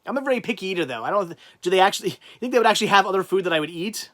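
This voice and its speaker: A man's voice: high voice, lively intonation, very fast, fairly bright tone. A man hosting a casual livestream, reading chat comments aloud and rambling through answers with many restarts. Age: adult with a child.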